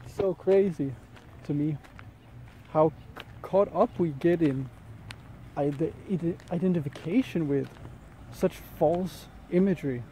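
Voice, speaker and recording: Male vlogger, higher-pitched but soft-edged and mellow, slightly sick, halting and reflective, recorded outdoors with faint background noise. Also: poor audio. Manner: musing, halting, searching for words. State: a bit sick with an ear infection. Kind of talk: casual rambling talk to camera while walking outdoors. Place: outdoors in jungle, light rain. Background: faint outdoor ambience.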